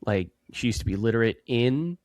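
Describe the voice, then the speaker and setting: A man's voice: mid-range voice, lively intonation, normal speed, a little mellow, dry recording. A man co-hosting a podcast, rambling and joking in casual chat and swearing freely. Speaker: podcast co-host.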